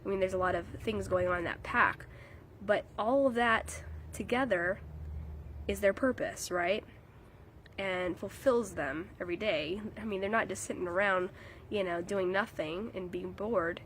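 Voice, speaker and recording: A young woman with a stuffy, nasal voice from a cold, speaking in a mid-range pitch. She talks straight to her viewers in an earnest, casual way and keeps checking in with them. A faint hiss of noise sits behind her. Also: unhurried, fairly bright tone. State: congested from a cold. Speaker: dog trainer. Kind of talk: casual talk to camera.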